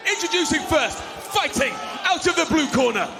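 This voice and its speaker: A man making formal fighter introductions as a boxing ring announcer, booming and drawing out names and phrases. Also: expressive, normal speed, vocal fry. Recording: loud arena crowd noise.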